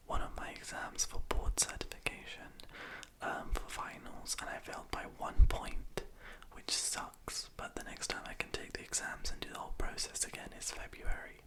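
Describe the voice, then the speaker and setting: A young adult speaking in a soft, breathy, unvoiced whisper, rambling hesitantly and self-deprecatingly to the viewer in an ASMR style. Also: rough recording. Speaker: ASMR video creator. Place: small room in a house at night.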